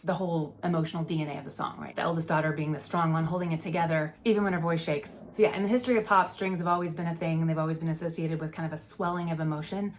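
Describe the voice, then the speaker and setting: Lower-pitched woman explaining music with enthusiasm. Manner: enthusiastic, conversational, demonstrates by singing short notes. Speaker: music theory video host. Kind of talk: casual explainer.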